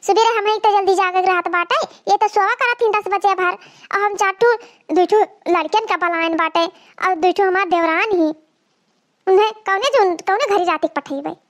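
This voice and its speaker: A woman plays a cartoon mother-in-law, an old village woman who nags and complains without end. She speaks with a broad Awadhi accent in a very high, shrill voice and a slow, drawn-out delivery. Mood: scolding. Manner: loud, nagging, complaining. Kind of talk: cartoon comedy voice acting.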